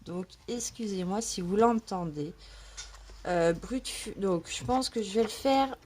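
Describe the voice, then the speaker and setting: A woman's voice: mid-range voice, a little slow, darkish tone, slight background noise. A woman vlogging casually from home about her coloring, just woken up, talking hesitantly with lots of fillers. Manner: hesitant, many fillers, chatty. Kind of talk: casual vlog chat. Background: cat meowing.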